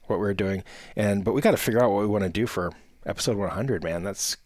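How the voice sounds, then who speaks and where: Man, Canadian accent, podcast co-host, casual chat, agreeable, lowish voice, dry sound. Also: fast talker, darkish tone, no echo. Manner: easygoing, agreeable, lots of "yeah".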